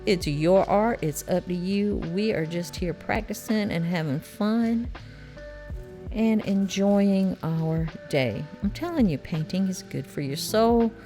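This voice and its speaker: A woman's voice: medium pitch, takes it slowly, mellow, faint music behind. A middle-aged woman with a Southern accent, chatting through a watercolor painting tutorial in a folksy, encouraging way. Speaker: watercolor art teacher.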